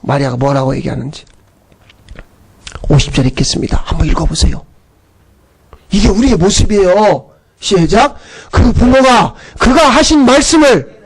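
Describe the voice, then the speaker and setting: A male pastor giving a Sunday sermon, telling the story in a lively, animated way with acted-out outbursts. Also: high voice, normal speed, long pauses, slightly rough.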